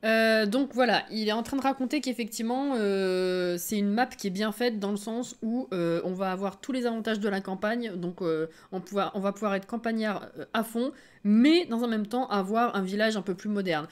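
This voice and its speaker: A woman streamer reacting live to a game trailer, excitable, laughing often and thinking aloud. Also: mid-range voice, normal speed, few pauses.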